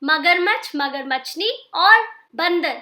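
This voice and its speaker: A woman narrating a scripted children's fable in a gentle, clear storybook manner. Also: extremely high pitch, expressive, takes it slowly.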